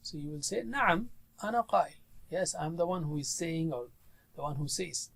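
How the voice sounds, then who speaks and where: A man's voice: fairly high pitch, animated, a little slow, gravelly, fairly bright tone. A man teaching a grammar lesson to a class. He patiently leads call-and-response drills and mixes English with Arabic words. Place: classroom with students.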